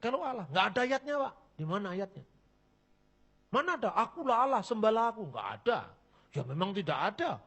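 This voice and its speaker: A man gives a lively religious lecture in a fairly high voice. He is blunt and mocking, and acts out the people in his anecdotes as he tells them. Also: fairly quick, long pauses, husky. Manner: blunt, mocking and joking, acting out quoted people.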